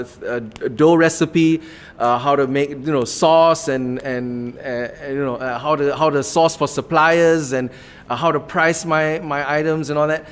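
A man's voice: on the high side, clear, resonant tone. A man with a Malaysian accent, a comedy club owner telling his story in an interview, earnest and rambling, laughing now and then.

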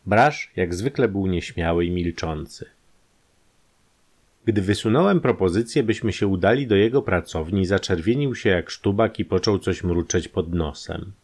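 A man narrating a crime story in a calm, measured way. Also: low voice.

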